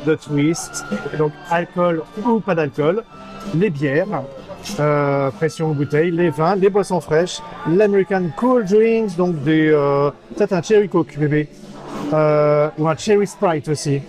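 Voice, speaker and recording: Faint music plays as a man with a fairly high, slightly mellow voice takes it slowly through a diner menu for his casual vlog. Set in an American-style diner, he fills his reading with hesitant fillers and teases his companion with playful affection.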